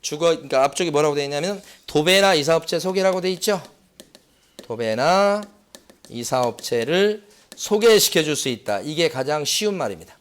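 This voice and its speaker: Quizzing male exam lecturer, slightly high voice. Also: lively intonation. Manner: quizzing students with questions, repeating key terms slowly; tells anecdotes with acted-out quotes. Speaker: real estate exam lecturer. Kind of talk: classroom lecture. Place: lecture room.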